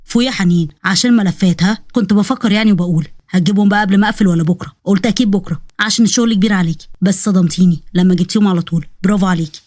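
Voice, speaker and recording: A woman's voice: medium pitch, darkish tone, no echo, clean studio sound, lightly acted. Othman, a woman voicing a teasing young shopkeeper. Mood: friendly. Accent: Egyptian Arabic. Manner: playful teasing, quick banter. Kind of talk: storybook dialogue reading.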